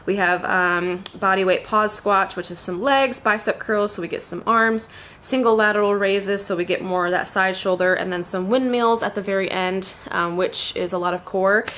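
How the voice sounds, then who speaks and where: This young workout demonstrator, heavily pregnant, vlogs about fitness from her small indoor garage gym, explaining in an informal way filled with "like" and "you know." She has a mid-range, fairly bright voice with a steady tone at normal speed. A little hiss or hum is audible.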